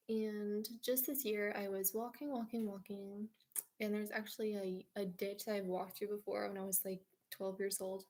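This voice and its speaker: A woman's voice: medium pitch, dark tone. Dreamy, rambling American woman. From United States. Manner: dreamy, meandering, many fillers and "like". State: sleepy. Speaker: vlogger. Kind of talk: rambling personal storytelling.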